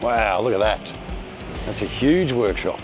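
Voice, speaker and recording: A man's voice: lowish voice, expressive, measured pace. A man presenting a casual walk-through vlog, chatting in a matey, colloquial way. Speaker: presenter of a motorcycle magazine tour. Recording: loud music and vehicle noise behind.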